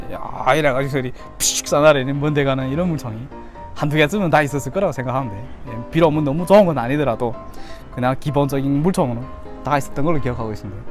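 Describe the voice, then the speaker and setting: A man in his thirties from Yanbian, China, with a Chinese-Korean Yanbian accent, telling stories casually to camera as a YouTuber. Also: medium pitch. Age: 30s. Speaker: YouTuber telling childhood memories.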